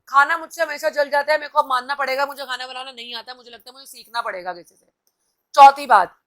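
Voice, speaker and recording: A woman's voice: sits high, fairly bright tone. A woman host giving a live-stream motivational talk, coaching viewers directly and reading out their comments. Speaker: TV anchor and host.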